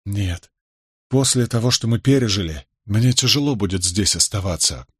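Sorrowful loyal wife, young noblewoman, soft, subdued, husky, dry close sound, a man reading her. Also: fairly low pitch, lively intonation, moderate pace, no echo. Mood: sad. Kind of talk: audiobook reading.

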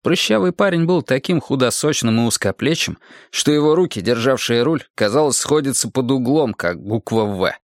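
A man reading a novel aloud in a measured, dry and wry way. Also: medium pitch, expressive, dry recording. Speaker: audiobook narrator. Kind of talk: scripted narration.

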